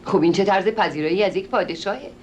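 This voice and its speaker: A woman's voice: medium pitch, slight background noise, close to an everyday voice. An actress playing a pushy, doting middle-aged woman who insists on meeting a king, in a stage comedy with an insistent, fawning manner. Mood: pleading. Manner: insistent, fawning, sharp-tongued when crossed.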